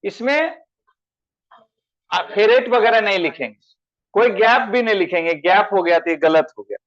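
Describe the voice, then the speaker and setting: High-voiced man teaching a chemistry class. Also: animated, normal speed, lo-fi sound. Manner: addresses students as beta, asks them questions. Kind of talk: online class lecture.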